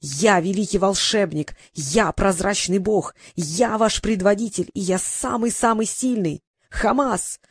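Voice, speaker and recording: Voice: mid-range voice, slightly rough, no echo, clean studio sound. A reader voicing a furious, childish desert warlord. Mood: frantic. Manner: shouting, insistent, drawn-out words. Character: fierce, childish male desert warlord-wizard.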